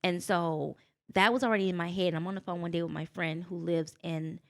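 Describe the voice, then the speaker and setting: A woman guest on a podcast, telling her story in a casual, animated way and jumping into high voices when she quotes people. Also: fairly quick.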